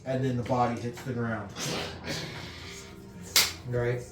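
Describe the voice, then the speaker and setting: A man narrating a tabletop game casually as game master, haltingly and often checking in with his listeners. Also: mid-range voice, flat delivery. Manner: halting, checks in with "you know" and "right?". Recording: roomy, distant mic with music behind. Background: music.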